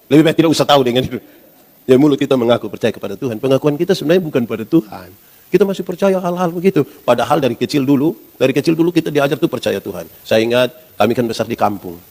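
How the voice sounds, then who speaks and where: A pastor in his forties, preaching a lively sermon and asking the congregation questions. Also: a little high. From Indonesia. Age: 40s.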